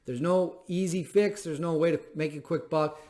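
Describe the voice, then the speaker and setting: A man's voice: on the high side, steady tone, normal speed, darkish tone. Emphatic thirty-year-old male show host. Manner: emphatic, plainspoken, repeats phrases for stress. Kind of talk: opinion commentary monologue to camera.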